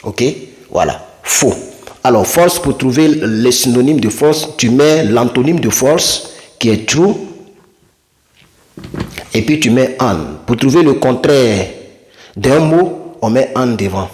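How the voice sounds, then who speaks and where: A man's voice: mid-range voice, expressive, slow pace, pauses often, a little mellow. A man teaching vocabulary in a casual, chatty way, repeating words and correcting himself as he goes. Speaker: English teacher.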